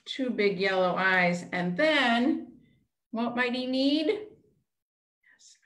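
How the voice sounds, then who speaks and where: Animated and very slow, with a fairly bright tone on the high side, a middle-aged woman leads young children through an interactive storytime. She asks simple, short questions over a webcam call from a small room at home, where the computer mic a step away picks up roomy echo.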